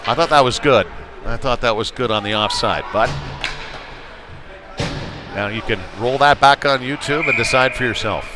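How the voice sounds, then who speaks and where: Over music, a man with a mid-range voice does play-by-play for an ice hockey game at a moderate pace, pausing often. He follows the action in short, conversational bursts. The live stream from the indoor rink is noisy, with loud rink noise throughout.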